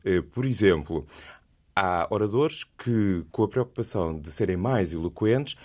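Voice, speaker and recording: Deep-voiced Portuguese man explaining. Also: animated, unhurried, darkish tone. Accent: European Portuguese. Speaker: guest, speech and prosody trainer. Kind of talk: explanatory interview talk.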